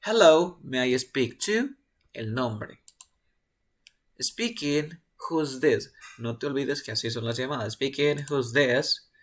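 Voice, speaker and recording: A man teaching an online English lesson to Spanish speakers, repeating phrases slowly and quizzing his students. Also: medium pitch, a bit bright.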